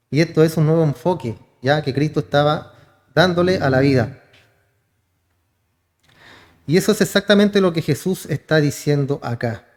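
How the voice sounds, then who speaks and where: A male pastor with a Chilean accent delivers a sermon. His voice sits a little high for a man. He keeps addressing the congregation directly and asking them rhetorical questions. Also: darkish tone. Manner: calls the congregation brother, asks rhetorical questions.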